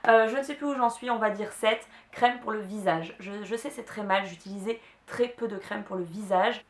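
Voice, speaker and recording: A woman's voice: medium pitch, normal speed. Chatty woman vlogging in an echoey room. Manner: chatty, many hesitations and restarts. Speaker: beauty vlogger. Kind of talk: casual product chat to camera.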